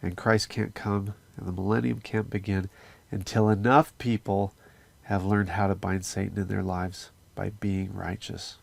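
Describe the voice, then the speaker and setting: A man's voice: low voice, flat delivery, measured pace, vocal fry. A man giving an earnest, conversational scripture lesson, with fillers as he explains. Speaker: religious teacher. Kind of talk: casual scripture teaching.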